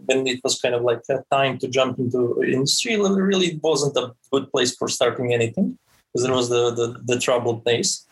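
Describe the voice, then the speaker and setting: Man in his forties, podcast guest, husky voice, stop-start delivery. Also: medium pitch, moderate pace, rough recording. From Serbia. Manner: frequent stammered restarts, repeating words. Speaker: guest, game creative director. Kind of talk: podcast interview.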